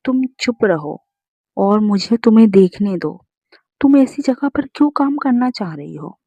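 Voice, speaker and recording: A woman's voice: medium pitch, animated, a little slow, mellow, dry recording. A woman voicing a rich, domineering young man, read out plainly in her own voice. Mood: pressing. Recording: dull lo-fi recording.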